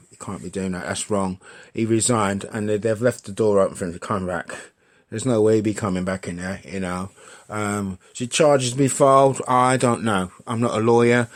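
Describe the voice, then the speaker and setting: Man, fifties, British accent, blunt, foul-mouthed, repetitive vlog rant. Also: on the low side. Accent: British English. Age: 50s. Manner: blunt, repetitive, swears a lot, says mate. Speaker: vlogger.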